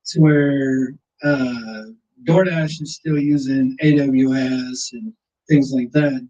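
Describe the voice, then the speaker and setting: A man's voice: medium pitch, fairly even intonation, takes it slowly, dark tone, dull audio. A man talking casually in a group chat.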